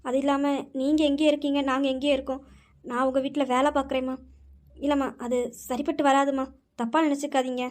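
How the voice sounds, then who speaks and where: A woman's voice: sits high, little pitch movement, fast, natural voice. Woman playing a pleading timid housemaid. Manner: pleading, hesitant. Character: timid middle-aged housemaid mother, fearful.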